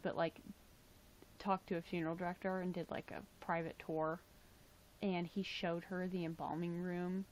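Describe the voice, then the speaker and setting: A young woman hosting a livestream chats casually, reading the chat aloud and filling her speech with "like" and "um," sounding tired. Her voice is fairly low, and the rough recording carries a little hiss or hum.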